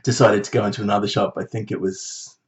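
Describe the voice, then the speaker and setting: A man telling a story in a casual vlog, animated and swearing, mocking others in high voices. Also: fast, dull audio. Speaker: vlogger.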